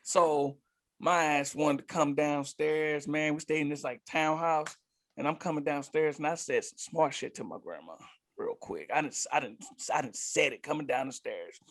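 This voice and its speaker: A man co-hosting a casual podcast chat, telling animated, profane stories and laughing often. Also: on the high side, unhurried. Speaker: podcast co-host.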